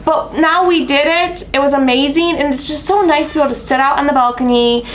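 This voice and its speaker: High-voiced and brisk, this woman hosts a casual craft stream while nasal and congested from allergies. Her talk rambles with fillers and eager tangents, and a little hiss or hum sits under the audio.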